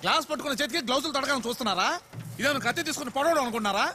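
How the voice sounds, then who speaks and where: An actor dubbing a scornful man who sneers and scolds loudly about a boxer's drinking. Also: extremely high pitch, expressive, very fast, a little hiss or hum, heavily acted. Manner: sneering, rising into loud scolding. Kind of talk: dubbed film dialogue.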